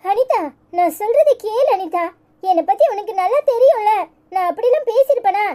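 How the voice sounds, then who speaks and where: A woman's voice: extremely high pitch, expressive, normal speed, mellow, voice pushed up. A woman voicing a tearful, pleading young woman. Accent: Kanyakumari Tamil. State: crying. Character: wronged young village woman Aishwarya, pleading. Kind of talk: cartoon comedy voice acting.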